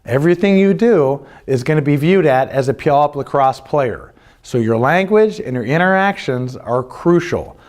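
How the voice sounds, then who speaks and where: A middle-aged American man, a youth lacrosse coach and club representative, presents the club's rules in an earnest, plain-spoken instructional talk. His fairly high, slightly mellow voice is expressive and moves at normal speed. He stresses his key points and repeats them.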